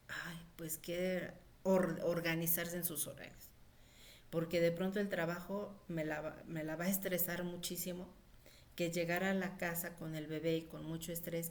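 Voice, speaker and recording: A woman giving an informal lecture on pediatric nutrition, chatty, with many fillers. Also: on the low side. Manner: conversational, with frequent fillers and acted-out quotes of mothers.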